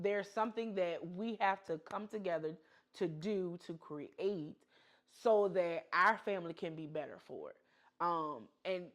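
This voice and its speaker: Low-voiced married woman co-hosting a chat. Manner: chatty and plain-spoken, laughs at herself. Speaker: podcast co-host. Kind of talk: casual chat with scripture.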